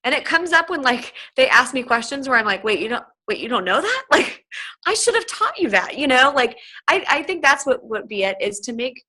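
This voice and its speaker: A woman's voice: high-pitched, very animated, moderate pace, bright, forceful tone, rough recording. A woman chatting as a guest on a video call, talking with lots of fillers and restarts, gushing and effusive. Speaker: featured guest answering team questions. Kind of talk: casual chat on a video call.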